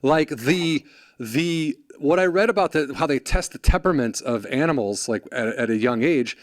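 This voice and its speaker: A man's voice: on the high side, expressive, normal speed, no echo, studio quality. A man hosting a podcast, joking and chiming in with asides in casual conversation. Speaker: podcast host.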